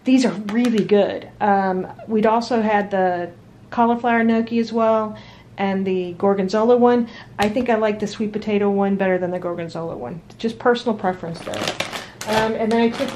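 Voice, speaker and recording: A woman talks her way through a grocery haul at her dining table in a relaxed, chatty way, often pausing on ums and correcting herself. Her voice sits at an ordinary pitch. A faint hum of room noise runs underneath. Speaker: vlogger. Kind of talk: casual grocery haul chat.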